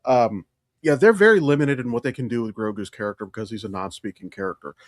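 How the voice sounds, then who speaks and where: Speaking quickly in a mid-range voice, this man co-hosts a podcast, offering blunt, opinionated film commentary in casual chat and cursing freely. The studio sound is clean, with no echo.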